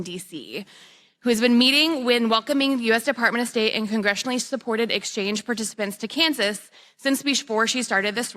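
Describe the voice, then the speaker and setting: Woman, American accent, formal podium speech, scripted introduction, polished, slightly high pitch, bright forceful tone. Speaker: nonprofit executive introducing a speaker.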